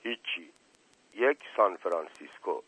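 A man's voice: deep voice, animated, sharp tone, husky, no echo, exaggerated voice. A man doing a sly flirtatious uncle. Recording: tinny radio broadcast.

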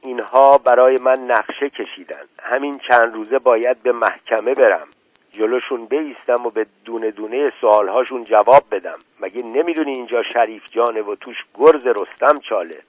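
Guy voicing a bitter angry husband, loud and defensive, middle-aged, dull dry radio sound. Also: mid-range voice, slightly rough, dry recording, natural voice. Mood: complaining. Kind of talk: radio book reading.

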